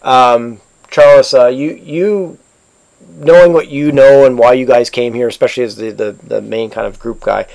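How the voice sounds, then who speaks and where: A man with a Canadian accent narrating a tabletop game as game master, halting and full of restarts. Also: mid-range voice, fairly even intonation, creaky, darkish tone. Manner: halting, lots of fillers and restarts.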